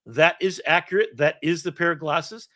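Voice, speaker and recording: At normal speed, a man in his sixties hosts from home with an iPad, his voice on the high side, bright and forceful. His casual walk through a screen-shared document rambles, turns self-mocking, and includes an occasional curse.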